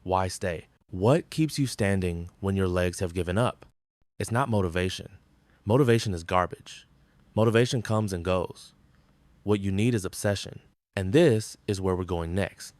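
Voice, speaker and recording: Deep-voiced man narrating with intensity. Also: normal speed, darkish tone, no echo, clean studio sound. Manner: intense, punchy short phrases. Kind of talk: dramatic scripted narration.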